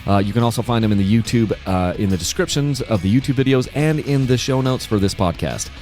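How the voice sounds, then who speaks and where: A man's voice: medium pitch, lively intonation, fast, a little mellow, soft background music. A man in his forties hosting a podcast, chatting casually and rambling with lots of fillers and restarts. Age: 40s. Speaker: podcast host.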